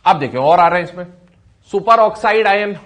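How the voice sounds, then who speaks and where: A man's voice: high-pitched, animated, brisk, fairly bright tone. A male teacher giving a chemistry lecture, asking questions and answering them himself, repeating key terms and calling his students "beta". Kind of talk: classroom lecture.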